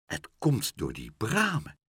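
A man voicing a cautious grown man in a storybook, speaking in a hushed, careful way. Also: medium pitch, huge pitch swings, slow pace, breathy edge, dry recording, studio quality, full character voice. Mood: wondering.

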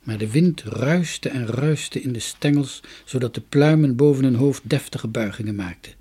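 A man reading a children's story aloud in an expressive, dramatic way. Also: mid-range voice, moderate pace, slightly rough. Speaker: narrator.

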